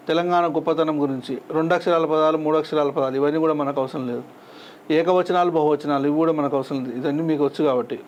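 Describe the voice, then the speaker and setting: A man walks students through a textbook lesson. He says every word twice and explains it slowly and patiently. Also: a little high, fairly even intonation, a little mellow, dull audio, a little hiss or hum. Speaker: teacher.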